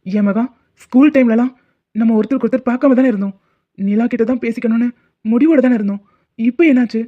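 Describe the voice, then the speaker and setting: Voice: mid-range voice, fast talker, natural voice. A voice actor playing a young, hot-tempered but caring boyfriend in a cartoon love story, first scolding and then explaining things earnestly. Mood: angry. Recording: tinny phone-like cartoon audio.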